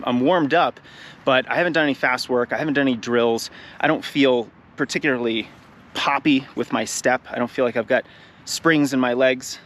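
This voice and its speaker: Slightly winded man coaching outdoors. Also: mid-range voice. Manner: talks nonstop, energetic and encouraging. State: a little out of breath. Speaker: running coach. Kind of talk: outdoor instructional talk to camera. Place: grass field outdoors, near traffic. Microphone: handheld camera carried while running.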